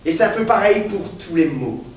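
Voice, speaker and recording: A man's voice: high voice, expressive, fairly quick, darkish tone, slight background noise. A male stage actor playing a pedantic, grandiose professor who lectures in a declamatory way and keeps addressing his pupil as "mademoiselle". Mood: pompous lecturing. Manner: declamatory, insistently repeats "mademoiselle". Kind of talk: stage play performance. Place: theater stage. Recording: echoey stage captured from far off.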